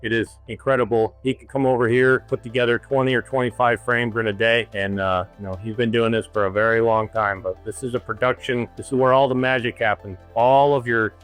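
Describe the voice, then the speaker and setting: A man's voice: medium pitch, fairly even intonation, brisk, few pauses, fairly bright tone, faint music behind. A man giving an informal guided tour as shop foreman in a warehouse workshop, explaining things in a plain-spoken way.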